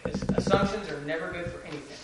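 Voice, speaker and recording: A man's voice: high-pitched, quick pace. A man talking earnestly and emphatically in a church meeting debate, speaking through a face mask. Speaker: church member. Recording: very echoey room, distant mic, faint noise.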